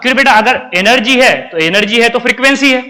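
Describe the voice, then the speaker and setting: Bright high-voiced teacher in a hall. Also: male voice, fast talker. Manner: asks questions and answers them himself, calls students beta. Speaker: chemistry teacher. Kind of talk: classroom lecture.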